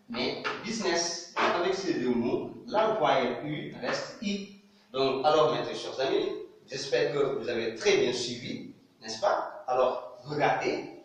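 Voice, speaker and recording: A male English teacher, giving a pronunciation lesson and repeating example words with emphasis. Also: on the high side. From Senegal. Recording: very echoey room, voice from far off.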